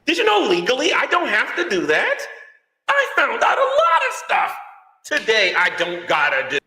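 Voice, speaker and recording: A man's voice: very high voice, wildly swooping pitch, normal speed, pushed and bright. A man ranting in a dramatic, preachy video commentary, heard with a heavy cave-like echo. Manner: dramatic, preachy call-outs. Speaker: YouTuber. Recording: echoey reverb-heavy video clip.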